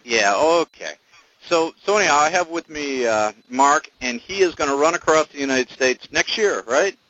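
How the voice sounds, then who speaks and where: A man's voice: a little high, animated, moderate pace, fairly bright tone, lo-fi sound. A man hosting an interview, asking playful, stumbling questions. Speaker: podcast host. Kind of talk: casual interview.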